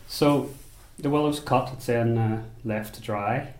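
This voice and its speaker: A man from Belfast with a Northern Irish accent, a basket maker talking about his craft in an unhurried, thoughtful way, often restarting his sentences. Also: medium pitch, reverberant. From Belfast, Northern Ireland. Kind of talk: interview monologue. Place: rural workshop or home.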